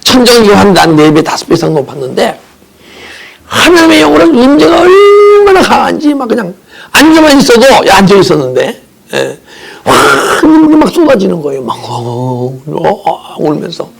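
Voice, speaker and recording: Brief: high, lively, gravelly male preacher, impassioned testimony from the pulpit. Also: normal speed. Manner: impassioned, vivid sound words, swings from soft to crying out. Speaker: pastor. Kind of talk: emotional sermon testimony. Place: church sanctuary.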